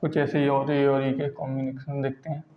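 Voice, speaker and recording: A man teaching English pronunciation rules, repeating each example slowly and asking and answering his own questions. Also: medium pitch, monotone, slight background noise. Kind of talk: classroom lesson explaining pronunciation rules. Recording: echoey lo-fi classroom recording.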